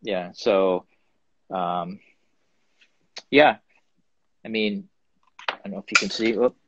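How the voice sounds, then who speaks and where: A man's voice: fairly low pitch, slow pace, fairly bright tone, highs cut off. A man talking casually from his pottery studio over a live video stream, rambling with lots of ums as he shows his work. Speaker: guest ceramic artist. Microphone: phone or webcam on a live video stream.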